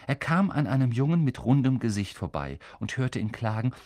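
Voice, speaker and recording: A man reading a children's fantasy novel aloud as a lively, dramatic audiobook narrator. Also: medium pitch, a little fast, dry recording, clean studio sound. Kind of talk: scripted narration.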